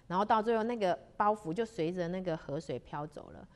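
A woman tells a spiritual moral story to fellow practitioners. She speaks unhurriedly and draws out the particles at the ends of her phrases. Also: lowish voice. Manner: unhurried, sentence-final particles drawn out. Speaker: religious storyteller.

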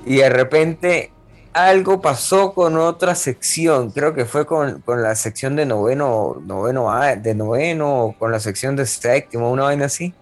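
A man's voice: mid-range voice, unhurried, soft background music. A man in his late twenties with a Venezuelan accent, telling a story in a casual, rambling way and repeating words as a podcast co-host. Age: 20s.

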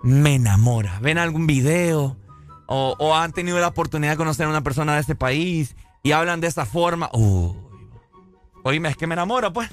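A young man with a Honduran accent hosts a morning radio show, his voice sitting high for a man as he jokes and teases his co-hosts. Light music plays faintly behind him. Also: a little fast. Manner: joking, teasing, animated. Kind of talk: playful morning show banter.

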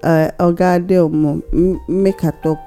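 A woman's voice: fairly low pitch, fairly even intonation, normal speed, dark tone, soft background music. A woman with a Nigerian accent discussing the news casually in Nigerian Pidgin mixed with English, hesitant and repeating herself. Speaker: panelist on a news discussion show.

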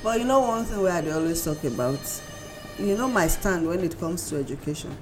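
A woman's voice: on the low side, expressive, a little fast, soft background music. A Nigerian woman hosting a radio talk show, chatting casually and emphatically in Nigerian Pidgin and often repeating words. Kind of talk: casual current-affairs chat in Nigerian Pidgin.

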